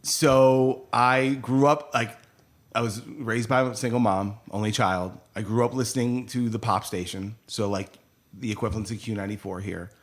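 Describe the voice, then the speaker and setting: A man's voice: fairly low pitch, steady tone, moderate pace. A middle-aged man from upstate New York, a DJ, chatting as a podcast guest and acting out quotes in his stories. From Rochester, New York. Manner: chatty storyteller, acts out quotes. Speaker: DJ and radio host guest. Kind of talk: casual podcast interview.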